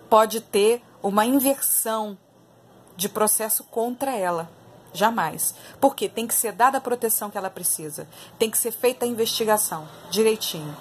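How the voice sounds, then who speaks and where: A woman's voice: a little high, slight background noise. A Brazilian woman giving opinionated, emphatic commentary to her viewers in a casual spoken style, repeating phrases for emphasis. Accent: Brazilian Portuguese. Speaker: online political commentator.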